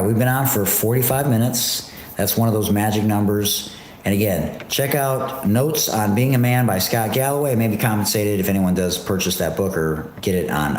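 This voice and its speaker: A man's voice: on the low side, a little mellow, a little hiss or hum. A man hosting a casual livestream from a home art studio and kitchen area, talking in a laid-back, rambling way with many fillers, his voice carrying a strong room echo. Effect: echoey room reverb on the voice. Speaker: podcast host and online shop seller. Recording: echoey room with faint background ambience.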